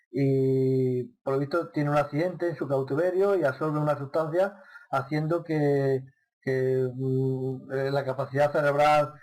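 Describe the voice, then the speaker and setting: A man in a medium-pitched voice hosts a casual radio talk show. He asks his guest questions and thinks aloud in a hesitant way. He often pauses and restarts, filling the gaps with short sounds. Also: darkish tone. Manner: hesitant, many fillers and restarts.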